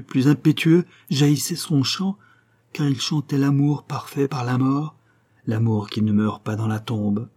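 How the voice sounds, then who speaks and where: A man reading a fairy tale aloud in a measured, solemn way. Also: mid-range voice, warm tone, husky. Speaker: narrator. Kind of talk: storybook reading.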